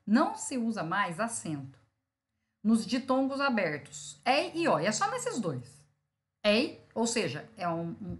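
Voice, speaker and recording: Speaking at medium pitch with a slightly bright tone, a woman teacher gives a recorded grammar lesson. She breaks it down step by step, checks in with students, and slowly sounds out syllables to emphasize them.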